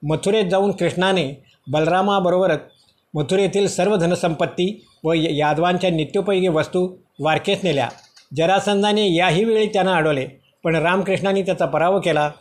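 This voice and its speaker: A man reading a prose rendering of a sacred story in steady, measured narration. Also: high-pitched. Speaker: reader of scripture.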